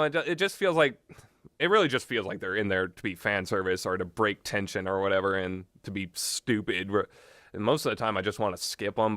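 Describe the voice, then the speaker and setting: Reviewing visual novels off the cuff, a man rambles bluntly with strong opinions, frequently backtracking and chasing tangents. His voice is low with a fairly bright tone, and there is no echo.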